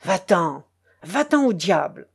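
A woman's voice: a little high, big pitch swings, moderate pace, darkish tone. A woman voicing a wounded male thief who speaks with cold contempt and harsh commands, in a storybook reading. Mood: scornful.

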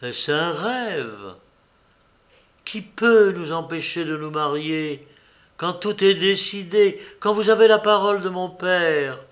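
A man's voice: high-pitched, expressive, takes it slowly, fairly bright tone, full character voice. A man voicing a devoted, frightened young woman engaged to be married in an audiobook, with earnest, imploring delivery. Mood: indignant.

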